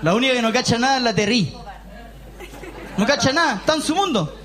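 A man with a Chilean accent preaching a lively sermon in a church hall, emphatic and often raising his voice, with joking asides. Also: very high-pitched, fairly quick, some chatter behind. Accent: Chilean Spanish. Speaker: pastor.

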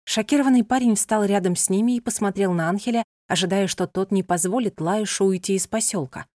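A woman's voice: mid-range voice, brisk, dark tone, dry recording. Woman narrating a novel, dry close sound. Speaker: audiobook narrator.

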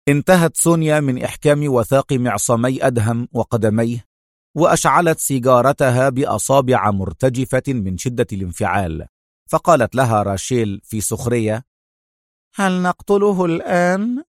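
A man's voice: mid-range voice, a little fast, no echo. Man narrating an audiobook, dry sound.

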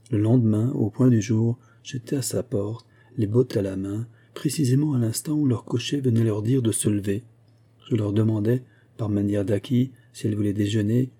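Male audiobook narrator, very dark timbre, measured elegant read. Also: medium pitch, slightly rough. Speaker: audiobook reader. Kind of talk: scripted literary narration.

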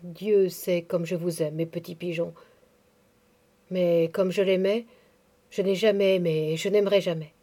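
A woman's voice: on the low side, fairly even intonation, unhurried, pauses often. A woman reading the part of a devout, grieving elderly nursemaid, speaking tenderly and confidingly. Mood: mournful. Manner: tender, pious, softly confiding.

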